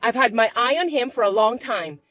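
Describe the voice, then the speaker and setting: A woman voicing a spiteful, bossy young stepsister who talks in a shrill, mocking, shouty way. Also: lively intonation, a little fast, soft background music. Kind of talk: chat-story voice acting.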